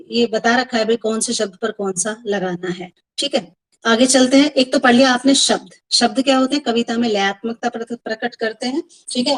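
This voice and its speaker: A woman's voice: on the high side, rough recording. A woman school teacher giving an online Hindi lesson, explaining patiently with repeated examples and English words mixed in. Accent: Indian Hindi.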